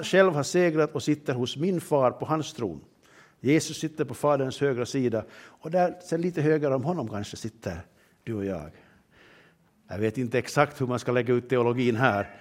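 A man preaching a sermon in an earnest way, often asking rhetorical questions and reading scripture aloud with emphasis. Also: medium pitch.

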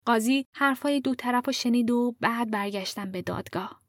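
A woman narrating a true story in a calm, measured storytelling voice. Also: a little high, dry recording, studio quality. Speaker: podcast narrator.

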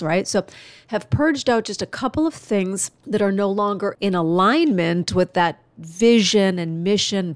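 In a solo podcast episode, a woman with a medium-pitched voice speaks earnestly and chattily, giving listeners warm-hearted encouragement while audibly congested. No room sound is present.

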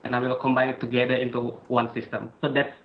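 A man's voice: medium pitch, completely flat delivery. Indonesian-accented man on a dull, roomy line. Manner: careful, halting speech with "uh" fillers. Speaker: interview guest.

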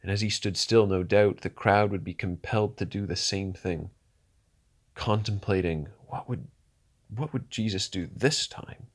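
A man preaching a sermon, swinging from hushed, slow lines to loud, rousing ones and asking the listeners rhetorical questions. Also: fairly low pitch.

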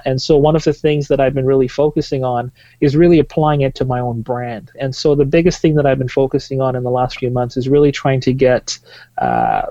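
A man's voice: mid-range voice, warm tone, no echo, dull audio. A man from Tanzania, a guest on a podcast interview, talking fluently and in a businesslike way with many fillers.

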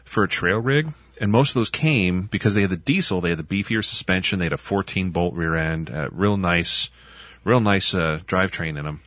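Man, very low voice, rambling casual podcast chat, dry recording. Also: normal speed, fairly bright tone, no echo. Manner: rambling, filler-heavy, laughs often. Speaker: podcast co-host.

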